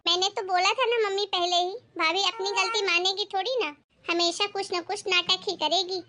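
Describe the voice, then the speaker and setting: A woman's voice: very high-pitched, fairly even intonation, moderate pace, sharp tone. A woman acting a spoiled, scheming daughter who tattles on her sister-in-law in a family drama. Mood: tattling. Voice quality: whiny, tattling.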